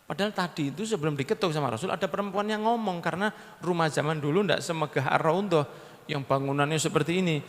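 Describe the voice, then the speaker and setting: A man preaching with a Javanese accent, his voice sitting high. He tells a story in a lively way, slipping in regional words and joking with his listeners. The sound carries the long echo of a large mosque hall. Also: quick pace. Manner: lively, mixes in regional words, jokes with the audience. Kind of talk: sermon storytelling.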